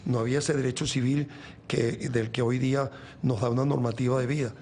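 A man's voice: medium pitch, fairly even intonation, fairly quick, a little mellow, a little hiss or hum. Earnest Venezuelan man in his sixties. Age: 60s. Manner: earnest, rambling, many restarts. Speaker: guest. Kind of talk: reflective faith talk in an interview.

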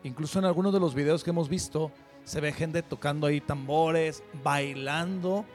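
Fervent man hosting, bright pitch. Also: moderate pace, soft background music. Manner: fervent, preachy, addresses viewers directly. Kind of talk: earnest spoken commentary.

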